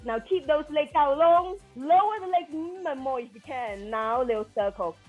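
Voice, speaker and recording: An aerobics instructor leads her floor class with a high-pitched, animated voice at a moderate pace, calling out counts and commands. She sounds encouraging and motivating, and dull lo-fi audio carries music behind her.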